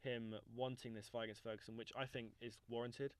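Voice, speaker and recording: A man's voice: mid-range voice, flat delivery, a little fast, clear, resonant tone, no echo. A young man hosting a casual podcast chat, chatty and often laughing. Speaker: podcast host.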